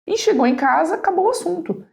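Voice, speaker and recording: A woman's voice: very high voice, lively intonation, quick pace, vocal fry, darkish tone. A woman reading a parenting book aloud and commenting on it, asking her listeners rhetorical questions. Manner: explanatory, asks the audience rhetorical questions. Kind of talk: commented read-aloud lesson.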